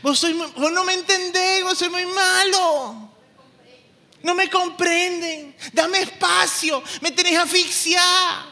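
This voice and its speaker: A man's voice: steady tone, slow pace, bright, forceful tone, full character voice. A man voicing a defiant, whiny teenager who talks back indignantly to their parents. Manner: shrill, complaining, indignant.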